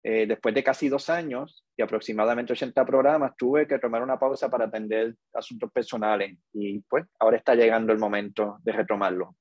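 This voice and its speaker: Man, middle-aged, podcast host, slow earnest delivery, mid-pitched voice, dry close sound. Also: steady tone, darkish tone, dry recording, highs cut off. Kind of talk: reflective podcast monologue.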